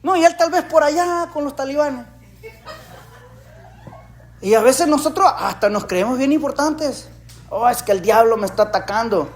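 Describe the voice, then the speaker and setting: Casting: male pastor, high voice, lively sermon full of rhetorical questions. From El Salvador. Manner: animated, rhetorical questions, jokey asides.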